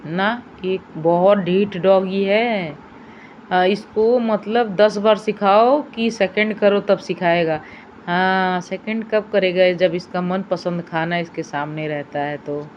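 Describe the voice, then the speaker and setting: A woman filming her pet dog, mixing cooing baby talk with sharp high commands. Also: fairly even intonation, slow, dull audio, slight background noise. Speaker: dog owner. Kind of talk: casual pet vlog.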